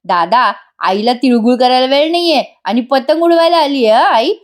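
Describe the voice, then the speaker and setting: A woman's voice: high-pitched, expressive, moderate pace. A woman voicing a teasing younger brother from a TV serial, in a mocking, jokey manner.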